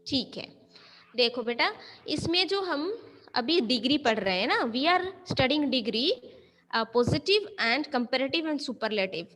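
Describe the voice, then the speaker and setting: Slow, bright-voiced woman teacher. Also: high voice, sing-song. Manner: mixes Hindi and English, repeats and checks if students understood. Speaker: school teacher. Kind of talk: online class teaching English grammar.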